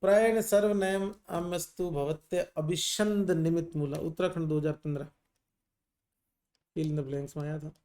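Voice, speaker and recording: A man's voice: fairly high pitch, fairly even intonation, normal speed, a little mellow. A middle-aged male teacher lecturing a class on ayurveda, teasing and scolding students while mixing in English terms.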